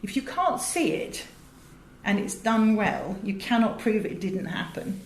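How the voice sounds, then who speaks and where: A middle-aged English voice director and radio producer, chatty and articulate, tells digressive stories as a guest in a conversational interview. Her mid-range voice is animated and a little slow. The recording is echoey and roomy, with a little hiss or hum.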